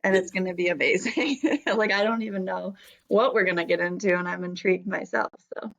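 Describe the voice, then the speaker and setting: Gravelly, near-monotone woman co-host. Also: lowish voice, brisk, muffled recording. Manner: calm, flat, near-monotone delivery. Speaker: spiritual practitioner and co-host. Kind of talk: casual chat.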